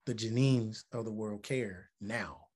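Earnest man from Alabama, measured. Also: lowish voice, darkish tone, husky. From Alabama, United States. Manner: earnest, reflective, building to emphatic points. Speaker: musician and motivational speaker. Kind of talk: interview conversation.

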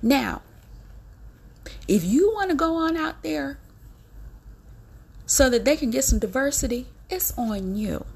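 A woman with a fairly high voice, husky and full of gravelly fry. She talks straight to her viewers as a vlogger, preaching and hammering home the same warning again and again. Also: expressive, slow pace, long pauses, darkish tone. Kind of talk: emphatic direct-to-camera warning.

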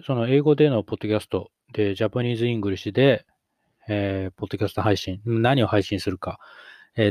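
A middle-aged man hosting a solo podcast, talking reflectively with many fillers and pauses. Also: mid-range voice, mellow, dry recording, studio quality. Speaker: podcast host.

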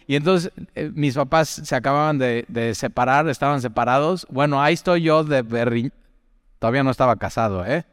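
A man's voice: mid-range voice, a little fast, clean tone, no room sound, clean studio sound, long reverb tail. A man teaching from the Bible in a chatty way, putting direct questions to the listener and telling personal stories.

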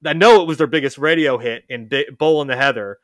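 A man's voice: medium pitch, quick pace, fairly bright tone, no echo, clean studio sound. A man hosting a casual music chat, rambling and often correcting himself mid-sentence. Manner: rambling, self-correcting, lots of restarts. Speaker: podcast host.

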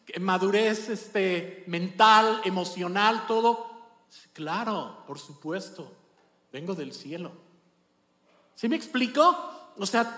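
A male pastor giving a sermon in an animated, conversational way, checking often that the congregation follows. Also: sits high. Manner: animated, conversational storytelling with rhetorical check-ins. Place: church. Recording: echoey church hall.

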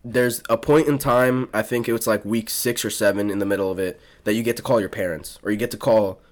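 A man's voice: fairly low pitch, steady tone, a little fast. A young man co-hosting a podcast, telling a story in casual chat, swearing freely and leaning on lots of fillers. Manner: profane, laid-back storytelling with lots of fillers. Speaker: podcast co-host.

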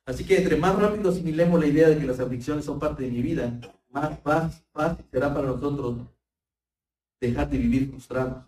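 A pastor delivers a fervent sermon, repeating words often and addressing the congregation as brethren. His voice is a little high, fairly quick, and darkish in tone. The recording sounds roomy, with him standing far from the mic.

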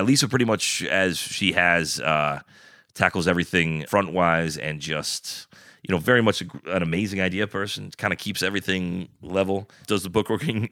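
A man's voice: low voice, sharp tone, no echo, studio quality. A man, a guest who co-owns a brewery and runs a food truck, chatting casually and telling rambling stories full of fillers and the odd swear word. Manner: rambling, storytelling with lots of fillers and acted-out quotes. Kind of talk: casual chat.

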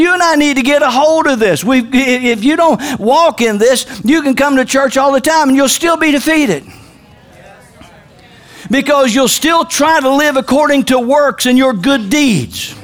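Male pastor, high-pitched voice, fervent sermon delivery with shouted peaks. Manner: preaching with rising shouts and call-and-response.

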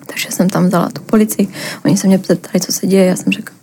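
A young woman from the Ostrava region giving a personal account as a podcast guest, talking haltingly with lots of filler words. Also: mid-range voice, steady tone, dark tone, slight background noise.

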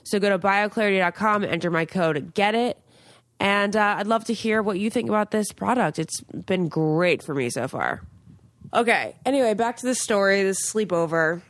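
A woman's voice: medium pitch, animated, normal speed, no room sound. A woman hosting a podcast in casual chat, with a nasal, congested, slightly snobby-sounding voice from a cold and an emphatic storytelling manner. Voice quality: nasal, stuffed-up voice. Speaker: podcast host.

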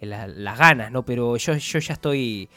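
A man's voice: medium pitch, expressive, a little slow, sharp tone. A man playing a grumpy, foul-mouthed older doctor who rambles, stammers and throws out insults. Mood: grumbling. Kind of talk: comedic character interview.

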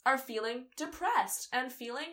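A woman's voice: high-pitched, unhurried, pushed and bright. A woman co-hosting a podcast, speaking emphatically and swearing casually as she makes her points. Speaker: podcast co-host. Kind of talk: casual chat.

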